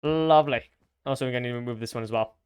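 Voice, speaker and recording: A man's voice: mid-range voice, fast, smooth, no room sound. A young man casually commenting to his stream as he builds, chatty and self-mocking, humming little sound effects between remarks.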